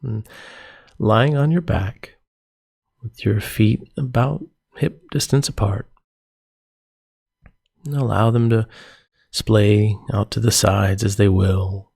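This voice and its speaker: Leading a guided meditation, this yoga nidra teacher has a fairly low voice that is creaky and husky. He gives soothing, gentle directions at an unhurried pace, pausing between each phrase.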